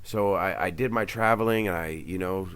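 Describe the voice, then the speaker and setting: Over a call headset, a Maritime Canadian guest in his late thirties gives a remote interview, rambling and hesitating with lots of ums. He has a deep voice at normal speed, a fairly bright tone, and the sound is clean.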